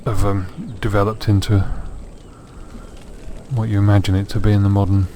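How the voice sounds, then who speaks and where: A man's voice: fairly low pitch, level tone, normal speed, mellow, slight background noise. A man with a sore throat giving dry, wry let's play commentary on a strategy game. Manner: dry, wry self-mocking asides. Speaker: gameplay commentator.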